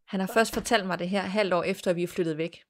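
A woman hosting a podcast, reading a listener's ghost story aloud in a measured, plain storytelling manner. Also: fairly low pitch. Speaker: podcast host.

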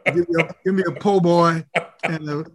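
Fake-drawl coach, as a man puts him on, high and mocking. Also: fairly even intonation, fast, very noisy, close to an everyday voice. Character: coach faking a Southern drawl.

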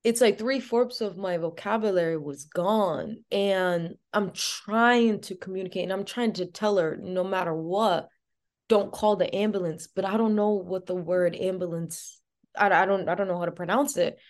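A woman's voice: medium pitch, normal speed. A woman as an interview guest, telling a personal story in a casual, chatty way with many "like" fillers.

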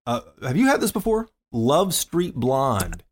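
A man's voice: mid-range voice, huge pitch swings, unhurried. Stammering, easygoing male podcast co-host. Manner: stammering, repeats words while thinking. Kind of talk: casual chat. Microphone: video call.

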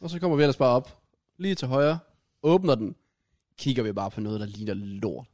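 A man's voice: mid-range voice, steady tone, darkish tone. A man co-hosting a casual podcast, telling a shared travel story in a loose, hesitant way with fillers. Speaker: podcast co-host. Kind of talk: casual chat.

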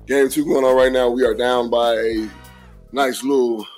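A man co-hosting a casual podcast in a hoarse, raspy, gruff voice like a grumpy old man, his voice partly lost. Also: mid-range voice, fairly even intonation, normal speed, a little mellow, soft background music. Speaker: podcast co-host, former football player. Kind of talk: casual podcast banter with frequent catchphrases.

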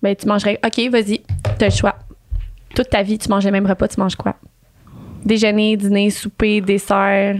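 A young woman with a Quebec French accent, co-hosting a podcast in fast, playful casual chat and laughing often. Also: medium pitch, little pitch movement, slight background noise. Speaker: podcast co-host.

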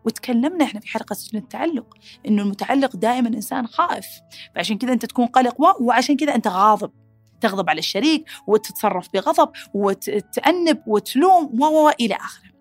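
A woman's voice: a little high, no echo, soft background music. A woman hosting a podcast and explaining psychology in a casual way, acting out the quotes she gives. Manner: fast, animated, acts out angry quotes.

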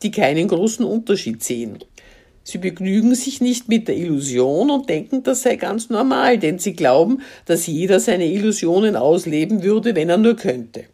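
Husky-voiced woman reading a column. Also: mid-range voice, animated, moderate pace, hardly any pauses, dark tone. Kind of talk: reading her own column aloud.

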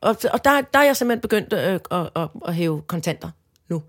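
A woman in her fifties from Denmark, co-hosting a casual comedic chat, telling stories with animated rants. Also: on the low side. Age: 50s. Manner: animated storytelling with loud mock-angry outbursts and put-on voices. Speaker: podcast co-host.

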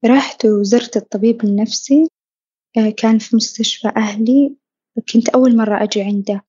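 A fairly high, husky woman's voice recounts her own story in a reflective, earnest way, sometimes sinking almost to a whisper. The tone is mellow and dark, recorded dry and close. The sound is dull and lo-fi. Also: steady tone, brisk, no echo. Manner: reflective, earnest, dropping to soft near-whispers. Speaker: podcast guest sharing her story. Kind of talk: personal storytelling.

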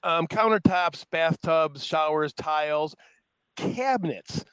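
A man with a slightly high voice hosts a radio talk show and chats loosely with his guest, tripping over his own restarts. The sound is close and dry. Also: slow pace, a bit bright, clear, resonant tone, no room sound. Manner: chatty, stumbling restarts.

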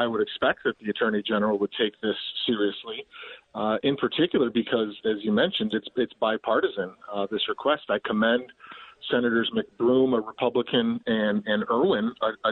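A man's voice: lowish voice, slightly rough, dry recording. A male activist speaking emphatically in a phone interview, indignant. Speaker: activist guest. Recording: tinny phone line.

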